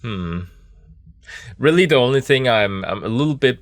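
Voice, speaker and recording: A man's voice: mid-range voice, animated, normal speed, no echo, studio quality. A man giving casual, joking game commentary, thinking aloud in a laid-back, rambling way as he streams. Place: small office in a camper.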